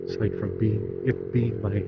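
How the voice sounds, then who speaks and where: A man's voice: lowish voice, wildly swooping pitch, moderate pace, gravelly. A man talking casually to himself from inside a helmet as he rides a motorcycle, musing offhand in a muffled voice. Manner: musing aloud, offhand, with swearing. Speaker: motorcycle vlogger. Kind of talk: rambling casual commentary while riding. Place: inside a helmet, riding a motorcycle outdoors at night. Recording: muffled helmet audio, loud engine and wind noise.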